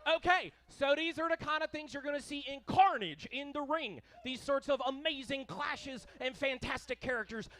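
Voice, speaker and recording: A man's voice: extremely high pitch, fairly bright tone. A man hosting a live event on a handheld microphone, upbeat and rambling as he talks to the crowd. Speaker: event host. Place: live music venue.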